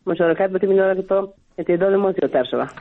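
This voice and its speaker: A woman's voice: mid-range voice, a crowd in the background. A woman with an Afghan Dari accent, a guest calling into a radio show, making an earnest, insistent appeal and often repeating herself. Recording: tinny phone line.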